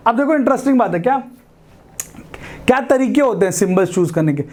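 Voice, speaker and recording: A man's voice: very high voice, expressive, fairly quick, a little mellow. A man with an Indian accent gives a classroom lecture in a chatty, coaxing way. He keeps asking his students rhetorical questions and slips into English phrases. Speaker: teacher.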